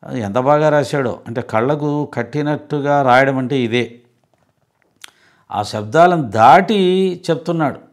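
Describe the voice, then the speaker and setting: A man's voice: medium pitch, a little slow, pauses often. A man giving a devotional scripture discourse as a satsang speaker, earnest and explanatory, often asking rhetorical questions.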